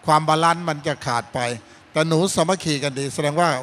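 A man's voice: on the high side, steady tone, quick pace, a bit bright, slight background noise. A man judging a student band contest, giving fatherly critique and calling the students his kids. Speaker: contest judge.

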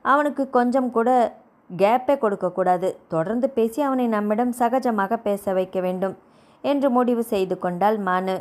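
A woman narrating a novel aloud in a steady storytelling manner. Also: mid-range voice, moderate pace. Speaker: audiobook narrator.

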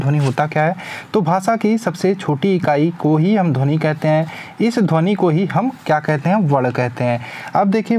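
A man's voice: on the high side, warm tone. A young man teaching an exam-prep lesson, asking questions and answering them himself. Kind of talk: spoken lesson.

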